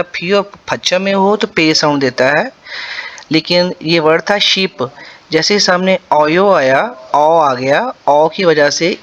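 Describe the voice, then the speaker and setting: A man with a Punjabi-accented Urdu voice, patiently teaching Korean pronunciation to beginners and repeating sounds slowly syllable by syllable. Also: fairly high pitch, a bit bright, highs cut off. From Pakistan.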